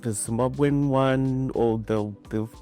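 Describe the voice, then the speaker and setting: A man hosting a podcast interview, hesitant, filling pauses with "um" and repeating "I see". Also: medium pitch, fairly even intonation, warm tone, faint music behind. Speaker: podcast host. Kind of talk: casual interview.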